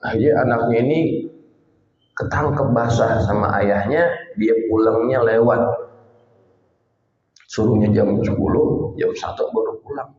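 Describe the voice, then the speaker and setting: Casting note: male preacher, slow storyteller who speaks directly to the listeners, echoey, slightly dull recording. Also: mid-range voice, darkish tone. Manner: addresses congregation directly, dramatic pauses. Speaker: Islamic preacher. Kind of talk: storytelling sermon. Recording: roomy, slightly muffled hall recording.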